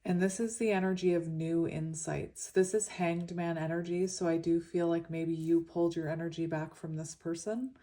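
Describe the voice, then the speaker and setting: A woman's voice: on the low side, steady tone, normal speed, hardly any pauses, mellow. A woman with a slushy lisp from a retainer, giving a casual, meandering tarot reading in an informal, reflective way. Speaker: tarot reader.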